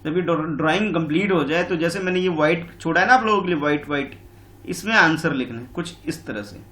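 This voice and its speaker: A man's voice: on the high side, fast talker, fairly bright tone, roomy sound. A male teacher giving an online school lesson. He explains patiently and repeats himself, calling his pupils "beta". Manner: patient and repetitive, calls pupils बेटा.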